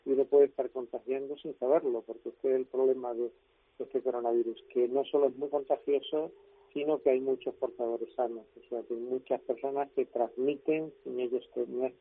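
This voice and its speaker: A man, a doctor and author, explaining things calmly and in a measured way during a radio phone interview. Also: mid-range voice. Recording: dry tinny phone line.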